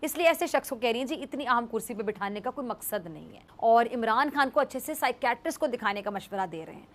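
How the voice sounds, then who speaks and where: A woman delivering scripted news commentary in a formal, measured way. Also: on the high side, lively intonation.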